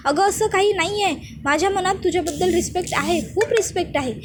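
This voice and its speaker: A woman voicing a smooth-talking young man defending himself to his fiancée's family. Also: very high-pitched, fast, a little hiss or hum, voice pushed up. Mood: defensive. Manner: defensive, wheedling.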